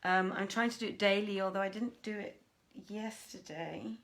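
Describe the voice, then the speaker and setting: Medium in pitch and moderate in pace, this woman's voice carries her casual livestream reading from home, where a desk and piano fill the room. Soft music plays behind as she chats, mutters to herself and sounds a bit apologetic.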